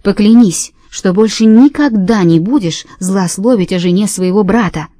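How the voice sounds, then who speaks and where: Stern booming male God, slow commanding pronouncements, mellow tone, dry close sound, as a woman reads it out. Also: no echo, lightly acted. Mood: solemn.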